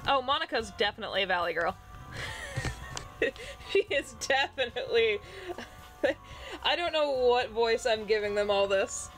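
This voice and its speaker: Woman, game streamer, chatty, rambling, swears, fairly high voice. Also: animated, a little slow, pauses often, a bit bright, soft background music, poor audio. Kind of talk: casual game commentary.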